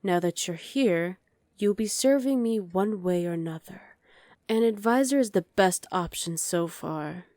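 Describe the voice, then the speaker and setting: Her voice sits mid-range, mellow and animated, moving a little slowly as she voices a dominant evil sorceress queen for ASMR. The performance is lightly acted, menacing and commanding, condescending and coolly threatening. It's a clean studio recording without echo.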